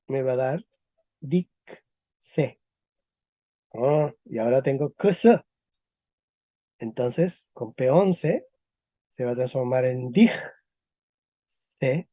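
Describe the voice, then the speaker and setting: A male teacher giving a lecture on the history of Spanish, explaining step by step and checking with quick tag questions. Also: mid-range voice, mellow, no echo. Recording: dull lo-fi recording.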